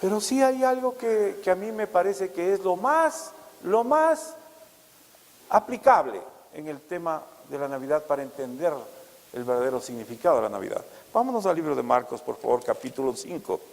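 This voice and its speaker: A male pastor preaching a sermon, asking rhetorical questions and rising loud and high for emphasis. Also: expressive, moderate pace, gravelly, long reverb tail, low-quality recording.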